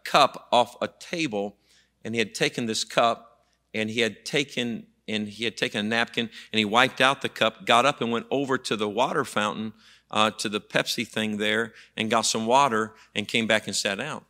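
A man's voice: fairly low pitch, moderate pace, pushed and bright. A man pastor preaching a folksy, emphatic sermon, often repeating words as he builds his point.

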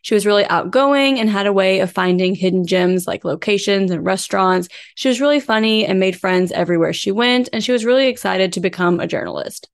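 A woman's voice: medium pitch, a little fast, creaky, few pauses. A woman co-hosting a true crime podcast, telling the case in an informal, conversational way from researched notes. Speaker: podcast co-host. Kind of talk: true crime podcast, case narration mixed with casual chat.

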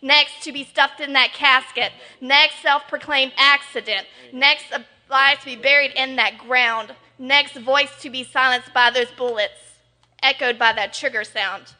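High bright-voiced woman doing spoken word at a poetry cafe, kinda nervous and halting. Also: fairly even intonation. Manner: nervous, halting between pieces. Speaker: performing poet. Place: live poetry cafe stage.

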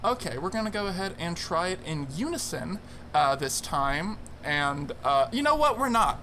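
A man's voice: sits high, big pitch swings, normal speed, bright, forceful tone, slight background noise. A man co-hosting a casual podcast, rambling and restarting his sentences as he plugs the show. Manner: rambling, repeats words and restarts often. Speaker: podcast co-host.

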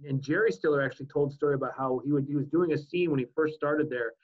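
A man in his forties co-hosting a casual talk show, telling stories in an easygoing way with halting fillers. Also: medium pitch, husky. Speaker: co-host. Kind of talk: casual chat. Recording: dull lo-fi sound.

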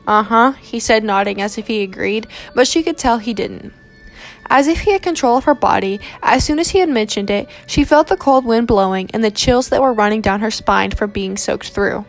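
Female audiobook narrator, steady and measured, slight fry, soft music under. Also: fairly high pitch.

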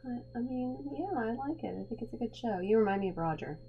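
A woman's voice: on the high side, lively intonation, fast, muffled recording. A woman co-hosting a podcast, chatting casually about ghosts. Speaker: podcast co-host. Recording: clear background noise with hum.

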